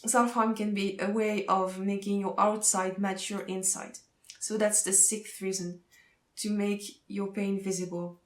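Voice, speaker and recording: In a reverberant space, a young woman with a medium-pitched, flat delivery talks through a topic for her informational vlog. She's a Swiss social work student who grew up speaking French, so her English has a Swiss French accent, and her earnest explanations include pauses while she finds her words.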